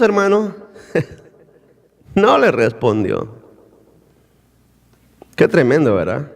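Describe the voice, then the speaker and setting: A man with a Latin American Spanish accent preaching a sermon as pastor, emphatic and animated, with repeated phrases and rhetorical questions. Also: high voice, big-room sound. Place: church.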